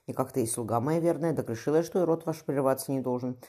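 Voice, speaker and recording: A woman's voice: extremely low pitch, fast, warm tone, breathy edge. A woman voicing an old, limping tsar who speaks with heavy, mocking authority.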